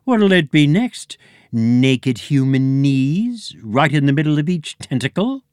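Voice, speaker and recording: A man's voice: on the high side, very animated, takes it slowly, darkish tone, smooth, no room sound, studio quality, pitched above the performer's own voice. A man reading a story, voicing a complaining egg-alien creature with a squid voice. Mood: indignant.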